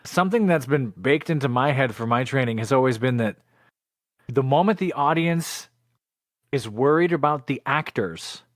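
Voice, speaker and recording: A man co-hosting a podcast, telling stories in an animated, explaining way. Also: mid-range voice, moderate pace, no echo, studio quality. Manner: animated storyteller, explains and asks. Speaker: podcast co-host. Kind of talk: casual chat.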